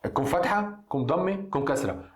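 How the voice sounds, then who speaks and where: A man's voice: on the high side, lively intonation, a little slow. A young man whose first language is Arabic, teaching an online language lesson in Portuguese with an Arabic accent. He explains patiently, asks himself rhetorical questions and often corrects himself. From Syria. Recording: echoey room.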